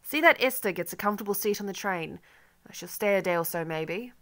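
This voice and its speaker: A woman voicing a brisk, businesslike middle-aged father giving instructions in an audiobook. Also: mid-range voice, a bit bright, natural voice.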